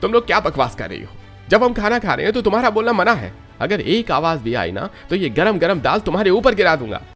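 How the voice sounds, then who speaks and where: A man voicing a brutal, abusive male in-law in a cartoon story, loud and threatening. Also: a little high, wildly swooping pitch, rapid-fire, soft background music, pitched above the performer's own voice, exaggerated voice.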